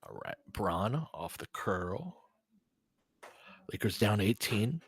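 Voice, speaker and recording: With a lowish, slightly rough voice, a man takes things slowly yet sounds very animated. He is a sports podcast host and live play-by-play commentator who chats casually on his stream, giving thoughtful, somewhat hesitant, conversational analysis.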